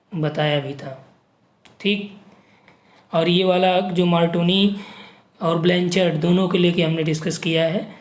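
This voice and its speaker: A man's voice: high voice, roomy sound. A man teaching an exam-prep geography lesson, reading questions and options aloud and checking in with students. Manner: reads options aloud, frequent "ठीक" checks.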